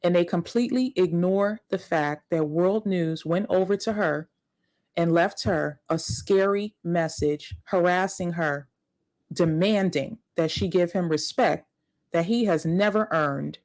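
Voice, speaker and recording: A woman's voice: fairly low pitch, unhurried, a little mellow, low-quality recording. A woman giving casual YouTube commentary, indignant and stacking words for emphasis.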